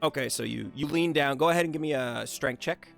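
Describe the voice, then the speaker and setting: A man narrating a tabletop game as game master, relaxed and rambling with many fillers. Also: fairly high pitch, fairly quick, gravelly, soft background music.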